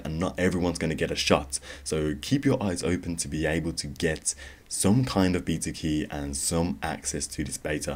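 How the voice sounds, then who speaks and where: A young man with an extremely low, deep voice hosts a solo podcast. He rambles casually, restarting sentences and filling pauses as he goes. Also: darkish tone. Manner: rambling, conversational, with many fillers and restarts. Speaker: podcast host.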